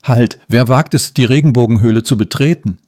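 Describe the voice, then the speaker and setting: A man's voice: mid-range voice, brisk, mellow, no echo, studio quality, lightly acted. A man voicing a proud, strict female seagull who guards a magic cave, speaking in a stern, commanding way.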